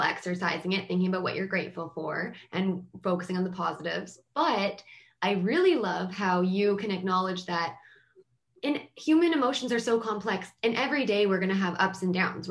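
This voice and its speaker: A woman's voice: lowish voice, normal speed. A young adult woman, a child therapist, explaining things in a casual, chatty way with frequent filler words. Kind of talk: casual advice chat.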